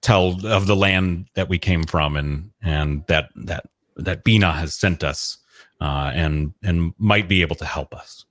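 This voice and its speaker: A man with a deep voice improvises as a tabletop player. He rambles casually and repeats words while he thinks. The sound is dry, with little room. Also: measured pace, a bit bright, no echo. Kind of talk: casual improvised role-play narration.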